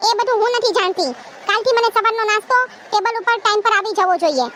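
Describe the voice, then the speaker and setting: A bossy, sharp-tongued young wife from a cartoon, played by a woman, scolding and taunting. Her voice is very high and piercing. A hissing background runs under it. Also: fast talker. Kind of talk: cartoon voice acting. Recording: noisy background hiss.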